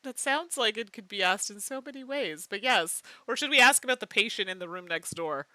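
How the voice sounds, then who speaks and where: A woman streaming a mystery game live, chatting with her viewers and laughing often in an animated way. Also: mid-range voice, brisk, no room sound. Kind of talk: live game playthrough chat.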